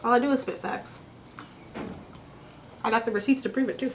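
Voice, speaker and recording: A woman's voice: on the high side, brisk, slight background noise. A young woman from Canada hosting a food vlog, chatting casually and joking with a friend. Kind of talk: casual chat.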